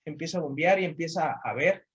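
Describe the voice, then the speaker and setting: A man's voice: on the high side, fairly quick, a bit bright, dull audio. Guy telling a motivational story, repeats stuff, talks right to you. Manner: repeats phrases, addresses the listener directly. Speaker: motivational trainer.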